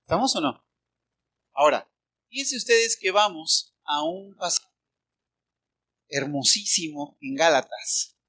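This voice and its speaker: A Mexican man preaches a sermon in a ringing, forceful voice. His pitch sits high for a man, and he keeps asking the congregation for agreement. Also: takes it slowly, long pauses, husky. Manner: animated preaching with rhetorical questions to the congregation. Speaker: pastor.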